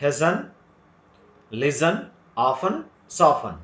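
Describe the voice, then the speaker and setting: A man with a Kannada accent teaching English pronunciation, speaking slowly and repeating each word to drill it. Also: a little high, lively intonation, a bit bright. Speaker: English tutor. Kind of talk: slow spoken English lesson. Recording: echoey room, dull lo-fi sound.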